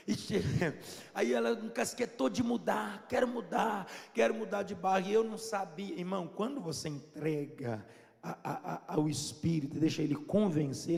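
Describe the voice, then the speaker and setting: A Brazilian man preaching a Pentecostal sermon, telling a story and acting out the dialogue, sometimes building to shouts. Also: high voice, gravelly, in a large hall. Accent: Brazilian Portuguese. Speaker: pastor.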